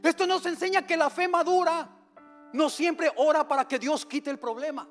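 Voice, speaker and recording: A man with a very high voice delivers a fervent church sermon as pastor, and his voice rises and pushes when he acts out prayers. Soft music plays faintly underneath. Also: steady tone, moderate pace. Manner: impassioned preaching, acting out prayers aloud.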